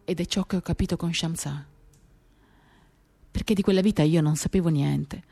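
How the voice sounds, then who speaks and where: Her voice is lowish, creaky, warm and husky, at normal speed, as she reads a literary monologue from a novel for radio theatre. The delivery is intimate, dramatic and confiding, in short phrases, over acoustic guitar music.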